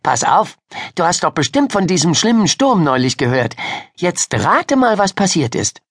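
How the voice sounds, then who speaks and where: A man voicing a chatty, excited schoolgirl who babbles without pause, in a storybook reading. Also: sits high, no echo, clean studio sound, voice pushed up, full character voice. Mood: excited chatter. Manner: babbling nonstop, gushing.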